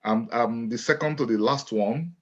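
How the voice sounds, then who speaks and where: Measured Nigerian man, lo-fi sound. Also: mid-range voice, a bit bright. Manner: measured, deliberate, restates phrases. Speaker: guest, author and lawyer. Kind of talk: interview storytelling. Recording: dull lo-fi audio.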